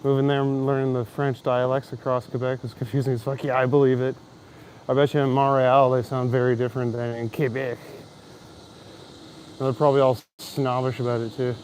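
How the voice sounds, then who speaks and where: A man with an Ontario Canadian accent is walking through a city square in winter, talking casually to his livestream chat as he rambles, jokes and chuckles often. His voice is medium in pitch and a little mellow, with a flat, brisk delivery. The audio is poor, with a little hiss or hum.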